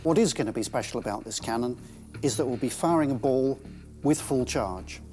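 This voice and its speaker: A man's voice: mid-range voice, a little fast, dark tone, faint music behind. A man presenting and explaining as an expert in a documentary.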